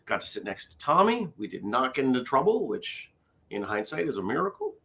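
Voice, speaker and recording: A man's voice: mid-range voice, big pitch swings, a little fast, sharp tone. A man hosting a casual morning livestream, chatty and tired after a bad night's sleep, greeting viewers and reading out their comments. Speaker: host.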